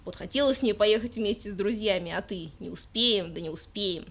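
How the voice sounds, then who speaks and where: A woman voicing a drunk, self-pitying young male poet who rants in a loud, drawn-out, whiny way. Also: medium pitch. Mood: indignant whining.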